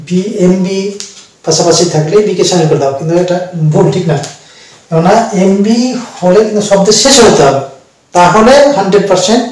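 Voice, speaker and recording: Male teacher with a Bengali accent, moderately high voice, hesitant explainer, recorded off mic with heavy room echo. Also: mellow, far from the mic. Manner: slow, with frequent hesitations and spelled-out letters. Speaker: English teacher. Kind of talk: explanatory lesson. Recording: echoey room, voice a bit off mic.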